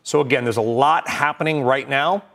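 An American man anchoring live business news, giving rapid market updates and breaking-news commentary in short, clipped phrases. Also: medium pitch, vocal fry, a bit bright.

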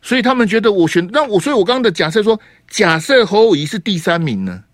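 A man hosting a call-in radio talk show, teasing and grilling his caller with rapid-fire questions. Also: high-pitched, very animated, no room sound, studio quality. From Taiwan.

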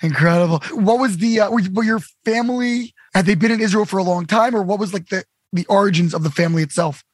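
A middle-aged man hosting a podcast interview, upbeat and quick to cheer his guest on with "amazing" and "incredible". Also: high voice, dry recording, studio quality. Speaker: podcast host. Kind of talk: casual interview.

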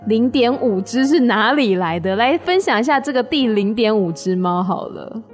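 A woman podcast host, asking friendly questions and giving steady replies. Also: a little high, normal speed, faint music behind. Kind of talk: casual interview chat.

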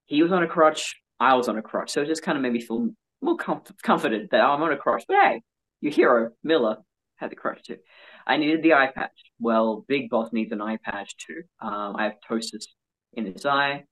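A male-sounding voice in conversation, giving candid personal stories as an interview guest. The delivery is frank and animated, with a self-mocking streak and a medium pitch. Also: normal speed, low-quality recording.

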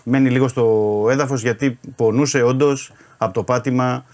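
Άντρας ρεπόρτερ που αφηγείται ήρεμα. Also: male voice, medium pitch. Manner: steady, step-by-step recounting. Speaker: sports reporter. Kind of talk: casual sports chat.

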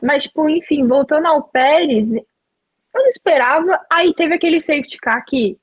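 A woman's voice: sits high, moderate pace, no room sound, dull audio. A woman hosting a casual chat, rambling with lots of fillers and enthusiasm.

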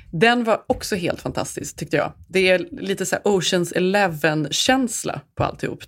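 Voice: mid-range voice, a bit bright. Chatty podcast co-host, enthusiastic. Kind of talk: casual chat.

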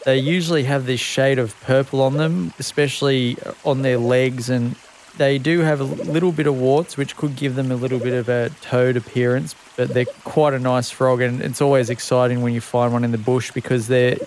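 A man's voice: medium pitch, fairly even intonation, normal speed, a little mellow, a little hiss or hum. A man, a scientist explaining things informally in an interview. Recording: faint music behind the voice.

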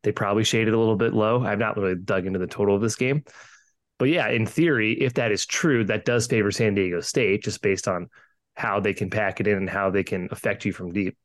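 A man's voice: fairly low pitch, steady tone, fairly quick. A man working as a betting analyst, giving casual, opinionated sports analysis.

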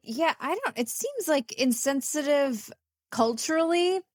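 A woman's voice: high voice, expressive, a little slow, no room sound, clean studio sound. A woman co-hosting a podcast in casual comedic chat, thinking aloud with hesitant restarts. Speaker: podcast co-host.

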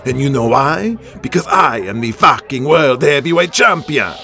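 An actor playing an arrogant villain wrestler who rants in broken English with a put-on Middle Eastern accent. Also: male voice, mid-range voice, lively intonation, normal speed, vocal fry, sharp tone, soft background music. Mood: leering. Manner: broken English, bombastic ranting. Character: arrogant villainous heel wrestler champion, boastful, hateful. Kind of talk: audio drama acting.

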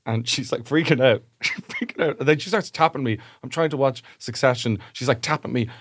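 A man's voice: medium pitch, a little fast, breathy edge, no echo, clean studio sound. An Irish man in his thirties, co-hosting a podcast, rambling through an anecdote with lots of fillers. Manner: rambling storyteller, frequent fillers and laughs. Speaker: podcast co-host. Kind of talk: casual chat, anecdote.

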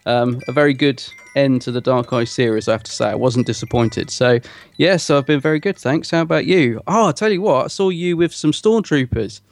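A man's voice: mid-range voice, a little fast, dry recording. A man co-hosting a podcast in casual, conversational chat. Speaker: podcast co-host.

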